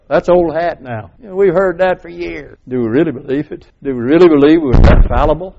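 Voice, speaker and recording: Folksy older preacher. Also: male voice, a little high, darkish tone, dull audio. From West Texas. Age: 70s. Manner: folksy, asks the congregation questions. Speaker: pastor. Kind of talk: sermon.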